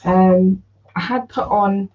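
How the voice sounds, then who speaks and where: Woman, Geordie accent, slightly croaky, mid pitch, casual rambling livestream chat, muffled recording. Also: takes it slowly, a little mellow, slight background noise. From North East England. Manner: chatty and rambling, greeting viewers by name. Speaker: livestream host and online seller.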